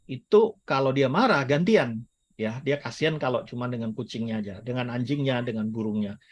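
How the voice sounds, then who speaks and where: A man with a mid-range voice, talking a little fast, gives a relaxed teaching sermon as a guest speaker, joking with listeners and dropping in English expressions, whether at church or in an online meeting.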